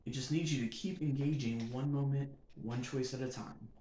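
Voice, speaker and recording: A man hosting a podcast, delivering a reflective scripted monologue in measured, earnest short phrases that build in emphasis. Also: mid-range voice, steady tone, dark tone, slight background noise. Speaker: podcast host. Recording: roomy echo.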